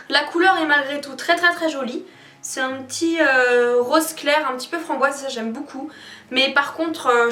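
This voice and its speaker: A woman's voice: sits high, bright, forceful tone. A woman chatting casually to viewers as a beauty vlogger reviewing products, candid and opinionated in colloquial wording. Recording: roomy echo, distant mic, faint music behind.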